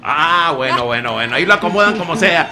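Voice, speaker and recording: Lively bright-voiced radio host. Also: male voice, on the high side, brisk, slight background noise. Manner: lively, questioning, repeats words for emphasis. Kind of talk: casual radio call-in chat.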